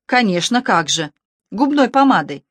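A haughty, sharp-tongued rich woman, voiced by a female audiobook reader, scolding the police with imperious sarcasm. Her voice sits at a middling pitch. The sound is dry and close, with no room around it. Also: animated, moderate pace, no room sound, lightly acted. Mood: imperious, sarcastic.

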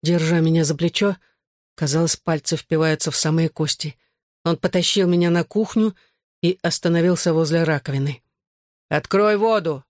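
Woman reading a dark novel aloud, even and tense, dry mic. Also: low voice, normal speed, no room sound. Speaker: audiobook narrator. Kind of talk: scripted first-person narration.

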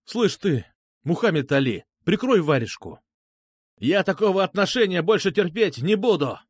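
A man's voice: lively intonation, moderate pace, no room sound, clean studio sound. A man voicing an arrogant, whiny male blogger who blusters and threatens in an audiobook. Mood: defiant. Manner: shrill, blustering, indignant. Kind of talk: audiobook character voice.

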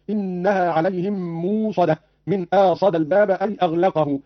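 A man's voice: sits high, no echo. A man giving a formal, precise explanation of Quran readings on an archival radio broadcast. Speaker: radio presenter. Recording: dull dry archival radio recording.

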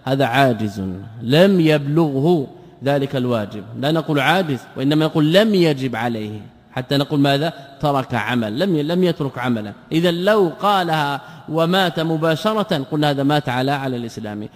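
A sheikh teaches a text in a classroom lesson on creed and grammar, posing questions and answering them himself. His voice is fairly high, expressive, and fairly quick, with long hall reverb on the recording.

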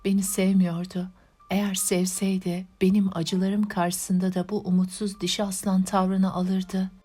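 A woman narrates a classic novel as an audiobook. Her reading is measured and steady, with little rise or fall in pitch and a mid-range voice. Soft music plays faintly beneath the narration. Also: slightly rough.

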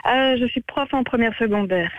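A woman's voice: a little high, normal speed, no room sound. A woman calling in to a radio show, giving brief, agreeable replies. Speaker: caller. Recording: tinny phone line.

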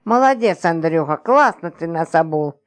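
A woman reading an audiobook, voicing a brash, coarse, scornful middle-aged wife with mocking, shrill scolding. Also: lively intonation, moderate pace, natural voice.

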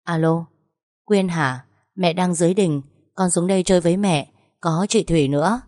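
A woman's voice: fairly low pitch, moderate pace, a little mellow, no echo, studio quality, close to an everyday voice. A woman reading a story aloud and voicing a middle-aged mother who coaxes and pleads with her estranged daughter. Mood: coaxing. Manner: coaxing, pleading. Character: coaxing middle-aged mother, eager to please.

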